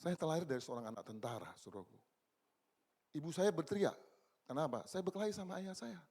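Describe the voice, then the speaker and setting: A man in his sixties preaching a church sermon, swinging between loud exclamations and low, quiet asides. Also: lively intonation, fast talker. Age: 60s. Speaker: pastor. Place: church service.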